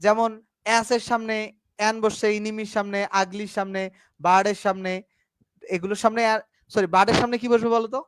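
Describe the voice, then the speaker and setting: A male English teacher giving an online class lecture. He explains slowly, mixes English grammar terms into his talk and keeps asking his students whether they follow. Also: sits high, flat delivery, clean tone, no room sound, studio quality. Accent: Bangladeshi Bengali.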